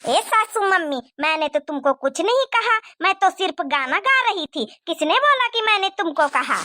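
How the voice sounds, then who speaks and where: A woman voicing a cheeky, sharp-tongued young daughter-in-law in a cartoon, talking back with mocking sass. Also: very high-pitched, big pitch swings, moderate pace, no echo, studio quality, heavily acted. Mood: sassy. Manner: sassy, mocking. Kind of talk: cartoon dubbing.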